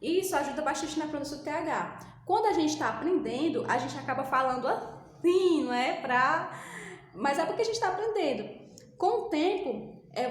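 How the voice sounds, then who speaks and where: A woman from Brazil teaches a school English lesson in a high, light voice. She is patient and repetitive, slowing down to drill each word. The recording is very echoey, with faint ambience behind her. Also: a little hiss or hum. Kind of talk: recorded online class.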